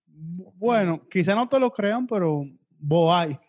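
A man's voice: high voice, expressive, slow pace, a little mellow, no echo. A man co-hosting an interview, talking casually and slangily. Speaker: interview co-host. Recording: dull dry sound.

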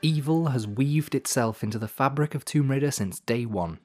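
A man hosting a podcast with scripted storytelling narration, in measured, dramatic phrasing with dry asides. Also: medium pitch, a little mellow. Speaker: podcast host. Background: music.

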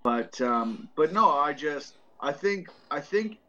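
A man's voice: on the high side, expressive, slow pace, bright, forceful tone, dull audio. A Canadian man chatting casually on a podcast, hesitant and full of ums and restarts, but blunt and profane.

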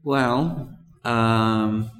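A man, a comedian chatting as a guest, hesitant with many pauses and restarts. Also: mid-range voice, a bit bright. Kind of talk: casual interview chat.

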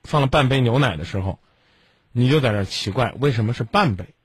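Blunt, husky male advice host. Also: medium pitch, animated, fairly quick, dry recording. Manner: blunt, lecturing, rhetorical questions. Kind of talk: call-in advice radio.

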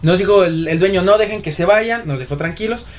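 A man's voice: high voice, fairly quick. A young man with a Mexican accent telling a story in a casual, slangy podcast chat, swearing often. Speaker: podcast host.

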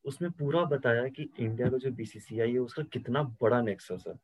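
A man's voice: medium pitch, moderate pace, poor audio. A young man, a podcast guest retelling a story in easygoing casual chat.

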